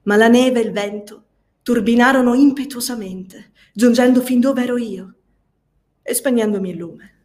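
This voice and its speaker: A woman narrating a classic novel as an audiobook, slow and measured. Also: fairly high pitch, darkish tone. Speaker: audiobook reader. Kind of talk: scripted literary narration.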